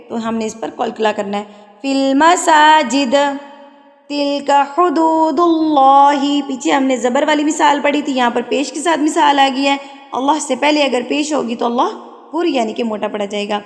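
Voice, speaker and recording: Pakistani lady tajweed teacher, high voice, slow sung verses then quick explaining, long reverb, faint music behind. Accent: Pakistani Urdu. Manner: slow drawn-out melodic recitation of verses, brisk plain explaining between. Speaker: Quran recitation teacher. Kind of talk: tajweed lesson alternating slow recitation and explanation.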